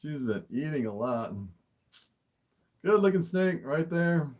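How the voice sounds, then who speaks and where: A man's voice: on the high side, lively intonation, slow, a little mellow, slight background noise. A man hosting a casual livestream as an animal keeper, easily amazed and chatting to viewers as he shows his animals. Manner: easily amazed, often chuckling between remarks.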